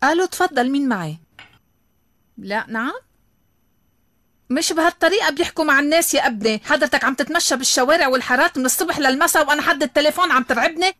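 A woman's voice: high voice, lively intonation, fast, a bit bright, dry recording. An actress playing an anxious mother fearing bad news, in Lebanese Arabic. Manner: anxious, questioning. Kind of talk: dubbed TV drama.

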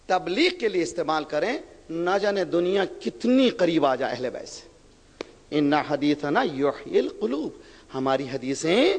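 A man preaching an impassioned sermon, firing rhetorical questions at the audience and swelling to shouts. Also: on the high side. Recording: long reverb of a large hall.

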